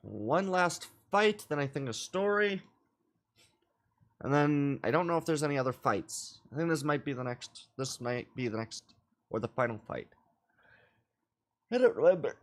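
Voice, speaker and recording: A man's voice: on the high side, expressive, normal speed, long pauses. A man reading a game's story text aloud with casual commentary, sometimes stumbling and correcting himself as he goes. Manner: stumbles over and corrects words while reading.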